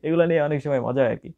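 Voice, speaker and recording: Casting: young adult Bangladeshi-accented man, tutor voice, quick delivery, gravelly texture, mixes English phrases into his lesson. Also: a little high, mellow, highs cut off. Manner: explaining with many English phrases mixed in. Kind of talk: spoken lesson to camera.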